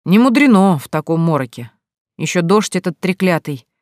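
A reader voicing an older retired farmer with a grey beard who is chatty and welcoming, talking in a hearty, drawn-out way. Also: mid-range voice, animated, darkish tone, no room sound, clean studio sound, close to an everyday voice. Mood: calling out.

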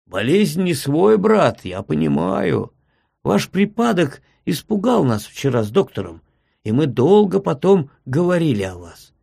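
A man voicing a tender, tearful older postmaster who speaks softly and pleads in a lowered, whispering voice, in a storybook reading. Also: sing-song, unhurried, vocal fry, husky, no echo, studio quality, heavily acted. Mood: tender pleading.

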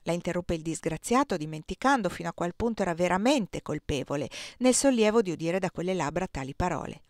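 A woman narrating a classic novel aloud with a measured, expressive reading. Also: lowish voice, no echo, clean studio sound. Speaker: audiobook reader. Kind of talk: literary narration.

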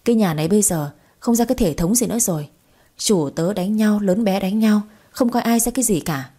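A woman's voice: medium pitch, fairly quick, warm tone, lightly acted. A woman voicing a bossy older grandmother who scolds and commands. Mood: scolding.

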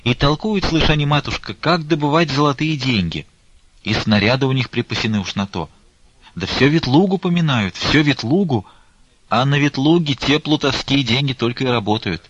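A man's voice: mid-range voice, expressive, normal speed, a bit bright, no room sound, voice pushed up. A man voicing a humble, anxious old nun who speaks meekly and laments, on a dull lo-fi recording. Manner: meek, fussy and lamenting.

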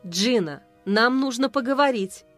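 A woman's voice: fairly high pitch, lively intonation, measured pace, fairly bright tone. A woman reading the part of a young wife who pleads and cries out at her husband, over faint music. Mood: distraught. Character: jealous young wife, wronged and tearful.

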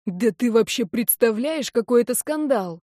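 A woman reading an audiobook, voicing a young male elf friend who scolds loudly and then soothes. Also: a little high, lively intonation, normal speed, no echo, studio quality. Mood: alarmed scolding.

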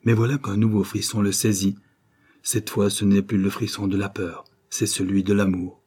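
A man reading a serial novel aloud as an audiobook, in a measured, expressive storytelling manner. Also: lowish voice, husky. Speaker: audiobook reader.

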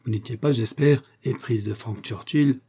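A man's voice: medium pitch, normal speed, vocal fry, dark tone, breathy edge. A man voicing a clever, proud young woman in a read-aloud novel, speaking in a raised, earnest way.

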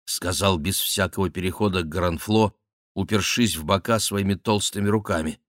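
A man narrating a historical novel as an audiobook, in a measured, even storytelling manner. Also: deep voice, no room sound, clean studio sound. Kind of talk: scripted literary narration.

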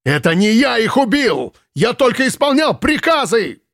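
A drunken male camp commandant in an audiobook, bellowing and ranting in a raised, strained voice, as a male reader acts him out. He bullies and raves in furious outbursts that swing up high. The sound is dry and close. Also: sing-song, drawn-out words, gravelly, no echo, exaggerated voice. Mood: screaming. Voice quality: shrill, furious shouting. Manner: ranting, unhinged, bullying. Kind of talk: audiobook character reading.

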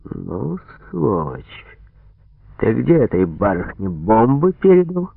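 Stern, mocking interrogator played by a man, sharp pressing questions, lively delivery, phone-like radio audio. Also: fairly low pitch, takes it slowly, gravelly, husky, dry recording, exaggerated voice. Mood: harsh. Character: stern male gendarme interrogator, mocking and harsh. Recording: tinny lo-fi radio broadcast.

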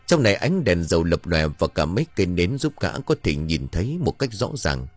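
A man narrating a story in an expressive, scripted audiobook reading. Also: sits low, fairly quick, no room sound. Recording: faint background music.

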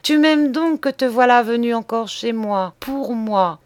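A woman's voice: on the high side, measured pace, voice pushed up, natural voice. A woman reader voicing an ardent young woman lover who pleads tenderly and breathlessly. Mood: pleading.

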